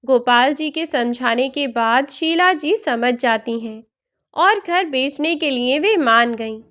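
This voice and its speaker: A woman narrating a family moral story in a steady, plain storytelling manner. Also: sits high, takes it slowly.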